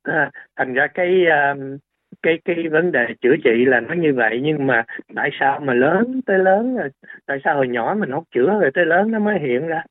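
A man's voice: fairly high pitch, lively intonation, brisk, no echo. A man, a doctor explaining things on a radio interview, hesitant with many fillers and restarts. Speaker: doctor guest. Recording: tinny phone-like radio line.

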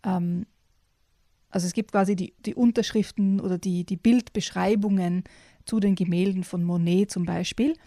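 A woman's voice: lowish voice, fairly even intonation, moderate pace, mellow, no room sound, studio quality. Enthusiastic woman reviewing children's books. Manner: enthusiastic, with frequent fillers. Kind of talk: casual book chat.

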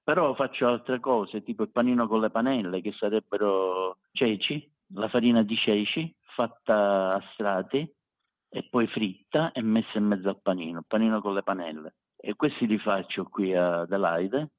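A man's voice: fairly low pitch, normal speed. A man with a Sicilian accent chatting casually as an interview guest, emphatic and fond of repeating words to drive a point home. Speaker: street food cook, interview guest. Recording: echoey room, dull lo-fi sound.

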